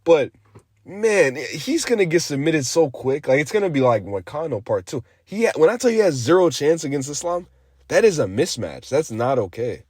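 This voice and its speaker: A young adult man giving a casual, rambling MMA recap, profane and animated with lots of fillers. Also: fairly high pitch, moderate pace, husky, dry recording, clean studio sound. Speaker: MMA commentator.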